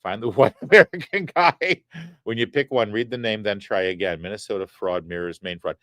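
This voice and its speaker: On a studio set, a man hosts a casual live talk stream, reading viewer super chats aloud with chatty, wry asides. His voice is lowish and a bit bright, he talks a little fast, and the sound is dry and studio quality.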